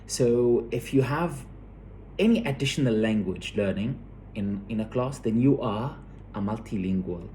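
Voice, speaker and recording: Speaking very slowly, a male lecturer explains academic content with lively intonation in a mid-pitched, somewhat mellow voice. He hesitates, repeats himself and checks that listeners follow, while a faint noise sits behind him.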